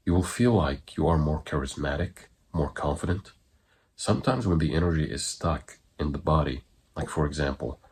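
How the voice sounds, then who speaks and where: Really deep husky guy, breathwork coach talking viewers through steps, short halting phrases. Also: darkish tone. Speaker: breathwork coach giving online guidance. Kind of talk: instructional talk to viewers.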